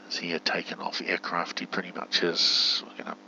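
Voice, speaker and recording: A man narrates a simulator playthrough, thinking aloud in casual, chatty commentary that includes spoken radio commands. His deep voice is sharp and completely flat, fairly quick. The home recording is dull and muffled, with a faint hum.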